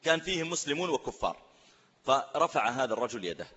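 A man preaching a sermon, telling stories in an animated way and asking rhetorical questions. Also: medium pitch, fast, long reverb tail, highs cut off, a little hiss or hum. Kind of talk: sermon with storytelling.

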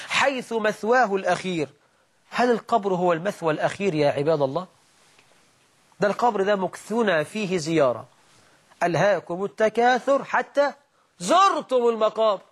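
A man with an Egyptian Arabic accent preaching a religious lesson, emphatic and full of rhetorical questions that repeat and mock the errors he corrects. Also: high-pitched.

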